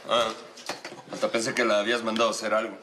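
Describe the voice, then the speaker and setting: A man's voice: fairly low pitch, level tone, fast talker, bright, forceful tone, a little hiss or hum. A stern blunt father. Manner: gruff, blunt.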